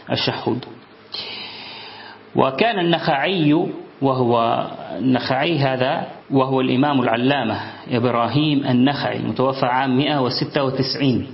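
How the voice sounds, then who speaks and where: A man giving an Islamic studies lesson, reading from a book and explaining it in a measured way with thinking pauses. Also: mid-range voice. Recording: roomy, dull lo-fi sound.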